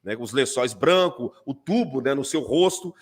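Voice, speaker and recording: A man with a Brazilian Portuguese accent, a pastor commenting on video clips during a live stream, animated and full of repeated fillers. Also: mid-range voice, normal speed.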